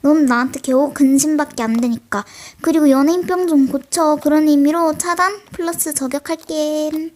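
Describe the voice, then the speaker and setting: A teenage girl's voice sits high and a little mellow, moving at a moderate pace, though her throat is mildly sore. Creating a solo scripted role-play, she plays a livestreamer who chats with and scolds imaginary viewers, speaking right to them.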